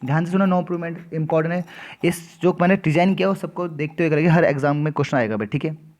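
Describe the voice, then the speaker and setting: A man with a slightly high-set voice coaches students through English exam questions, mixing Hindi and English as he goes. He keeps a steady, chatty teaching rhythm, tacking "theek hai" and "bhai" onto almost every point. When he reads out the English test sentences, he slows right down and takes them word by word. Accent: Uttarakhand Hindi. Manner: repeats "ठीक है" and "भाई" constantly, addresses students directly.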